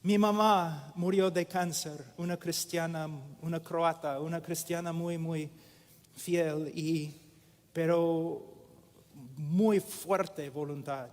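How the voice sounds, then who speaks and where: Slow, deliberate male preacher. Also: on the high side, level tone. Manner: slow, deliberate, with many pauses. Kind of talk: sermon. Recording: echoey hall with long reverb.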